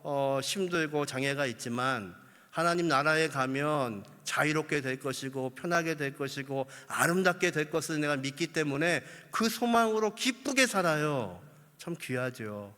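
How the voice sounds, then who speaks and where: A man preaching a sermon as senior pastor, with emphatic, rising appeals to the congregation and slow, solemn scripture reading. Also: fairly high pitch, pushed and bright. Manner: reads scripture slowly and solemnly. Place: large church sanctuary. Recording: church hall reverb.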